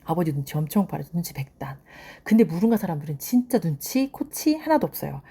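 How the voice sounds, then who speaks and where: A middle-aged woman in a casual drama recap, retelling scenes with animated commentary on the characters. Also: sits low, fast talker, slightly rough. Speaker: drama reviewer.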